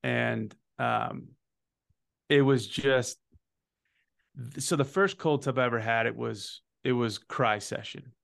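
A man in his thirties hosting a podcast, an energetic storyteller who swears freely and keeps asking "right?". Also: medium pitch, takes it slowly, creaky. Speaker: podcast host. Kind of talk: casual chat.

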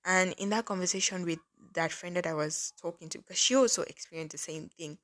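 This podcast host, a woman in her early 20s, talks fast in a lowish, slightly bright voice. Her faith-based show is casual, and she comes across as chatty and earnest, with frequent "like" fillers.

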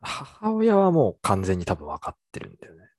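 A man's voice: on the low side, huge pitch swings, moderate pace, darkish tone, no room sound, studio quality. A young man in casual conversation, rambling and hesitant, trailing off with fillers as he talks. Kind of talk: casual chat.

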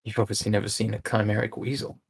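Low gravelly game master man. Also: quick pace. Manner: relaxed, hesitant with fillers. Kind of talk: narrating a tabletop game.

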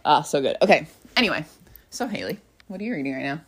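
A young woman co-hosting a casual book podcast, chatty and quick to laugh. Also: deep voice, very animated, breathy edge. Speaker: podcast co-host. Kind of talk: casual chat about books.

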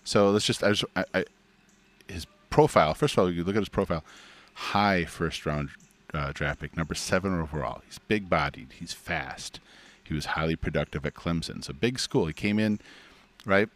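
Deep, gravelly-voiced man talking sports. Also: normal speed, fairly bright tone. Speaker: podcast co-host. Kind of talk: casual sports talk.

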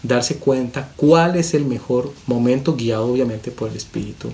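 A man's voice: medium pitch, moderate pace, vocal fry, a little mellow. A man, a pastor and counselor teaching, emphatic, stacking rhetorical questions and repeating words for stress.

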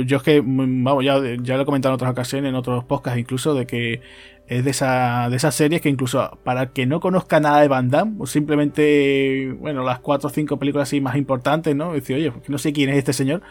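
A man co-hosting a casual film podcast, chatty and conversational, often tagging his sentences with a questioning aside. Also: mid-range voice. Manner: chatty, tags phrases with "¿no?". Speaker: podcast co-host.

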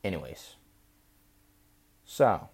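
A man's voice: drawn-out words, darkish tone. A young man telling a rambling, profane story while drunk and slurring his words. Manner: loose, profane, chatty. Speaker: vlogger.

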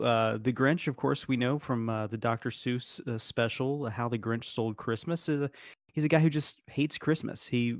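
A man's voice: medium pitch, no echo, clean studio sound. A man talking casually and at length, rambling with many fillers and restarts, often breaking into laughs. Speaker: podcast guest. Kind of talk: casual debate chat.

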